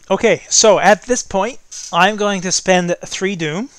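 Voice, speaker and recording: A man's voice: high-pitched, takes it slowly, smooth, no room sound. A man working as game master, improvising narration for a tabletop game.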